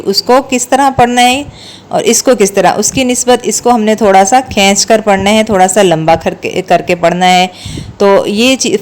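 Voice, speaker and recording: A woman teaching a step-by-step recitation lesson, patiently drilling single syllables. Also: medium pitch.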